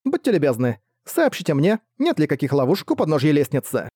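A man's voice: a little high, wildly swooping pitch, brisk, mellow, husky, dry recording, clean studio sound, full character voice. A man voicing a cocky, curt young woman fighter in an audiobook.

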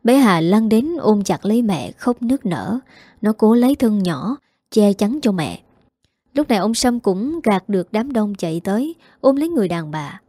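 A woman narrating a dramatic story with a steady, scripted reading. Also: medium pitch, no echo.

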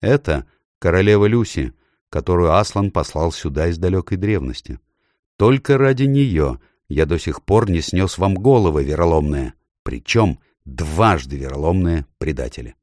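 Stern young king, read by a man; low, firm. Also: animated, moderate pace, a little mellow, dry recording, clean studio sound, lightly acted.

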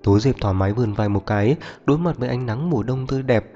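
A man reading a novel aloud as narrator at a steady pace. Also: medium pitch, fast talker. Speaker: audiobook narrator. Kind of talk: scripted narration. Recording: muffled reverberant audio, faint music.

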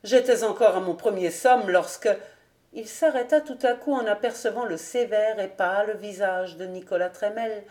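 A woman narrating a classic novel as an audiobook reader, measured and deliberate. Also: mid-range voice, warm tone. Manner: slow, measured reading. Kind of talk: scripted narration.

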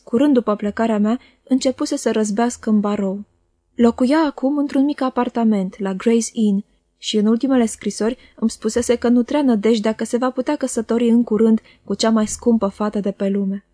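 A woman narrating a novel as an audiobook reader, in a measured, even reading. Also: fairly high pitch, no echo, studio quality. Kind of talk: scripted narration.

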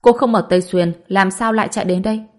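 A woman's voice: mid-range voice, steady tone, fast, natural voice. A woman voicing an anxious, capable scholar who questions urgently in a storybook reading.

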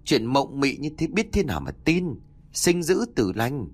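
A man's voice: medium pitch, sing-song, measured pace, faint music behind, pitched above the performer's own voice. A man voicing a domineering old husband who scolds his wife in a brusque manner. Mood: scolding.

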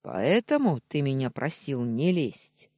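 A man's voice: mid-range voice, sing-song, a little slow, no echo, clean studio sound. A reader voicing a jealous, protective young man who growls short, curt questions. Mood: gruff, jealous.

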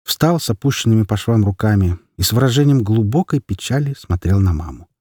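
A man narrating a story in an expressive, scripted reading. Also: on the low side, fairly quick, no echo, studio quality. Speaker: audiobook narrator.

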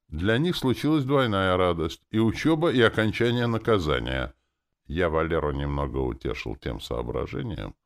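A man reading a first-person story aloud as an audiobook narrator, wry and expressive. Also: low-pitched, vocal fry.

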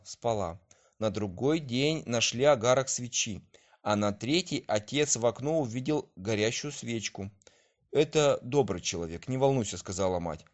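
A man narrating a children's story with an expressive, lively reading, on a dull lo-fi old recording. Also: mid-range voice.

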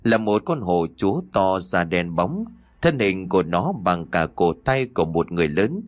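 Deep, dry-voiced male ghost story narrator. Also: expressive, normal speed, no room sound.

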